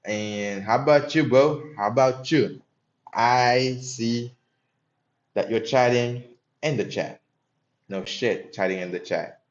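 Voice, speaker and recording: A man's voice: medium pitch, slow, muffled recording. A young man from Haiti, commenting on his trades live and chatting with viewers in a loose, profane way. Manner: loose and profane, talks to chat. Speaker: live-streaming day trader. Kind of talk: casual live-stream commentary.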